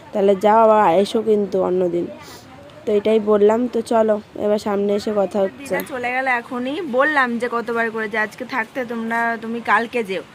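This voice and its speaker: Hoarse chatty woman vlogging at home. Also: mid-range voice, mellow, slight background noise. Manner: chatty, talks to viewers directly. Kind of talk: casual vlog narration.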